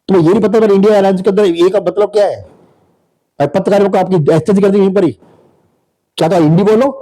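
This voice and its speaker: Man, political commentary host, heated, scornful, husky, dark tone. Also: high voice, low-quality recording. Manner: heated, scornful, rhetorical questions.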